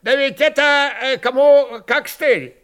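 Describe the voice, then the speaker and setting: A sly Cossack needles his comrade with a snide, teasing tone. His voice is high and mocking, played by a man reading aloud. He sounds amused and sharp-tongued. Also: very animated, slow pace, full character voice.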